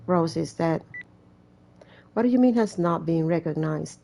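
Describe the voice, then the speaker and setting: Reading a horror visual novel out loud while playing, this woman blends gameplay commentary with the story and tosses in casual, joking remarks. She has a low, creaky voice with a warm tone and takes her time.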